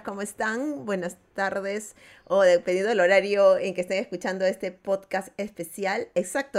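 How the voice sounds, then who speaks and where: A woman hosting a podcast, giving a playful, teasing introduction. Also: mid-range voice. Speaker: podcast host. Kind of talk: casual chat.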